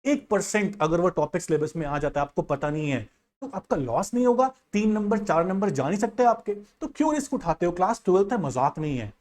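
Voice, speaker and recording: A man's voice: sits high, expressive, fairly quick, a little mellow. A male economics teacher guiding students through an exam syllabus in a direct, insistent, casual way. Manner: direct, insistent, addresses students as "yaar" and "bhai". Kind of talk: casual exam-guidance lesson, screen walkthrough.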